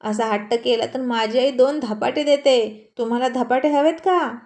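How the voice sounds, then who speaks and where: A woman's voice: on the high side, moderate pace, a little mellow, close to an everyday voice. A woman voicing a small, bold, dutiful boy in a storybook reading, with earnest, chirpy child talk. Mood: chattering.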